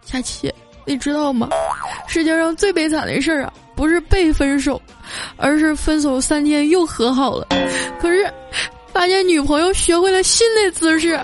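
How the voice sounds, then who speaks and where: A woman's voice: high voice, normal speed, over music, voice pushed up, close to an everyday voice. A woman voicing a young man who is crying and choking with grief over his girlfriend. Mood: choked up. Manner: choked, tearful.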